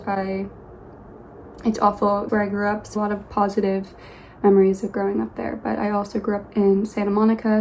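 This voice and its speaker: A young woman from Los Angeles talking casually to her phone camera from her bedroom, in a soft, rambling way with many pauses and restarts. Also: mid-range voice, creaky, a little hiss or hum, low-quality recording. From Los Angeles, USA. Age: young adult. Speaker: vlogger. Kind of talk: casual get-to-know-me vlog. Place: her bedroom, sitting on a yoga mat.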